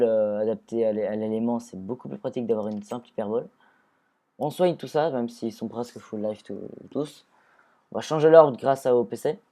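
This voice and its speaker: A man's voice: medium pitch, warm tone. A man giving casual, rambling gameplay commentary, often restarting sentences and talking to the creatures in the game. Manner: rambling, self-correcting, talks to his creatures.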